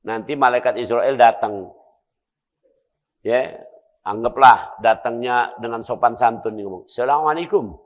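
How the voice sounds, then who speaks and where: A middle-aged man with a Palembang Malay accent, preaching a playful, lively sermon in a mosque. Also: mid-range voice, measured pace, pauses often, dull audio. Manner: lively, playful, acts out dialogues.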